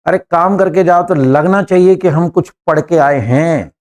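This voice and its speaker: A man's voice: fairly high pitch, unhurried, a little mellow. A man teaching an English class, joking and quizzing students one by one.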